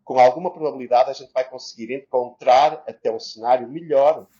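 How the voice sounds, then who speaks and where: Male co-host, warm low voice, reflective, lo-fi sound. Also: a little fast. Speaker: podcast co-host. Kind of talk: casual chat, explaining. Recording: slightly muffled lo-fi sound.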